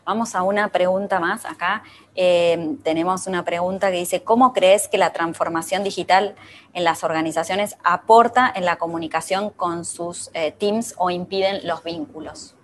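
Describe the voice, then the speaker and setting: Low-pitched woman hosting an interview. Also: moderate pace, a little hiss or hum. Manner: brief affirmations, reads out viewer questions. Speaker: host.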